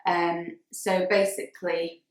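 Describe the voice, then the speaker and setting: A woman's voice: lowish voice, level tone, slow pace. Sewing vlogger, woman, hesitant and chatty, roomy echo. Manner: chatty, hesitant, lots of ums and restarts. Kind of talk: casual chat to camera.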